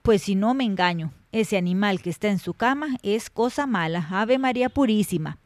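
A sluggish, scolding tiger or coyote, voiced by a woman storyteller grumbles at the old woman for wandering at night. The voice is low-key and mellow, recorded close and dry. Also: animated, normal speed, dry recording, close to an everyday voice. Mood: grumbling. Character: lazy, scolding male uncle animals (tiger, coyote).

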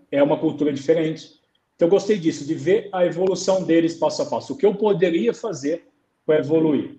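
A Brazilian man, a goalkeeper coach, recounting his experiences in a relaxed interview, acting out dialogue as he tells stories. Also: fairly high pitch, echoey room, poor audio. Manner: storytelling, acts out dialogue. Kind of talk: conversational interview on a live stream.

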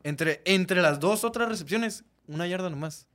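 A man's voice: sits high, moderate pace, fairly bright tone. A man with a Mexican accent giving casual, blunt sports analysis as a panelist, using slang.

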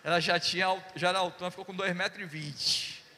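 A pastor preaching a sermon, telling stories and acting out voices while calling "Amém?" to the congregation. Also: male voice, high-pitched, fairly quick, slight background noise. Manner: animated, acts out dialogue, calls "Amém?" to the congregation. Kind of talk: sermon with storytelling. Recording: long church hall reverb.

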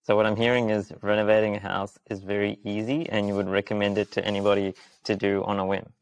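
Low gravelly man, dry teasing. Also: level tone, fast, poor audio. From Sri Lanka. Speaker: podcast co-host. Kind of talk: casual chat.

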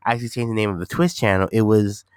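Man, lowish clean voice, nasal and stuffed up, casual rambling podcast host, dry close sound. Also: steady tone, racing, clean tone, no echo. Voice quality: nasal, congested. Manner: informal, rambling, repeats phrases. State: slightly sick with a stuffy nose. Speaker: podcast host and gaming streamer. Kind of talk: casual solo podcast chat.

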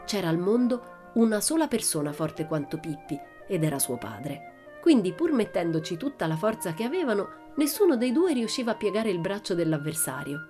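A woman narrating a children's audiobook in a calm, measured, gently expressive manner. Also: mid-range voice, music in the background. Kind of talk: storybook narration.

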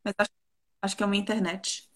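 Chatting casually and a bit gigglingly on a video call, a Brazilian professional flautist in her twenties, partly raised in South Korea, is being interviewed. She talks quickly with a flat delivery in a medium-pitched, fairly bright voice.

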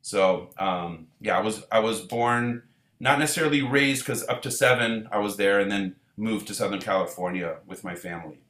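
A man's voice: on the low side, normal speed, echoey room. A man from Israel who leads a band, talking at length in a casual interview with many fillers and restarts. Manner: relaxed, rambling, many fillers. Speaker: band leader.

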